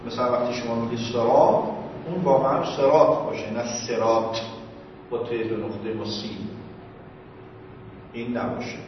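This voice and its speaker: A man's voice: medium pitch, fairly even intonation, pauses often, highs cut off, background noise. Male teacher, conversational Q&A explainer, distant mic in a big echoey hall. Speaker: religious teacher. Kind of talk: informal Q&A lesson.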